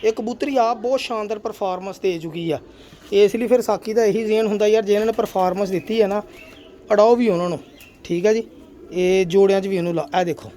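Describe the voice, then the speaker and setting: A man's voice: high-pitched, fast talker, dark tone. A man hosts a chatty walkthrough of his pigeon loft, showing off his birds and blessing them often, with pigeons cooing behind him. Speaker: pigeon keeper and channel host.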